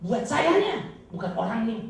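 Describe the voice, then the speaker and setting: A male pastor giving an emphatic, dramatic sermon with sudden loud, high bursts, recorded from a distance in a church hall. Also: big pitch swings, normal speed, creaky. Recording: echoey hall, distant mic, faint noise.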